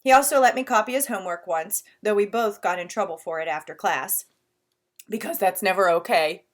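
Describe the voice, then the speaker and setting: A woman's voice: mid-range voice, fairly quick. A woman narrating a story in the first person with a casual, conversational delivery. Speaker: audiobook reader.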